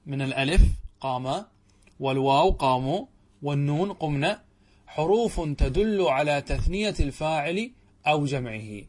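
A man with a somewhat high-pitched voice teaches a grammar lesson to a class of students. He keeps it animated, throws questions at the class and leans hard on the key words. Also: moderate pace. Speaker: religious teacher.

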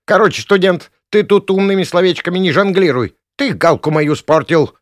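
A man voices a hulking village woman with huge work-worn hands, loud and bossy. She shrieks high and coarse, pitched well above the reader's own voice, in a dry close recording. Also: normal speed, dry recording, close to an everyday voice. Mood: yelling, accusing. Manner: shrieking, abusive, coarse peasant speech. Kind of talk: audiobook character voice.

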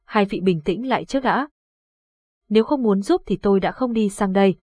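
A woman reading the lines of a calm, authoritative old exorcist in a horror audiobook, with a husky voice. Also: mid-range voice, dry recording, natural voice. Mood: stern. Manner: measured, authoritative.

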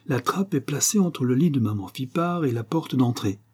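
A man voicing a cunning young crook who calmly lays out a plan, step by step, in a husky, dark voice. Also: mid-range voice, normal speed. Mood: calm, explaining. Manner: patient, explaining step by step. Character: cunning young male crook, calm schemer.

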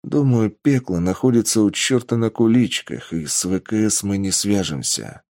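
A man putting on a cool-headed schemer in an audiobook, low-pitched and steady. He explains plans calmly and persuasively. The sound is dry and close. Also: moderate pace, no room sound, lightly acted.

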